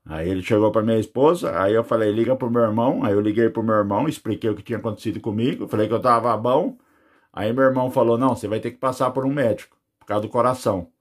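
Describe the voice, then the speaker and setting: Speaking quickly in a lowish voice, a Brazilian man with children tells of witnessing a near-death experience. It's rambling personal testimony packed with fillers, in a Brazilian Portuguese accent.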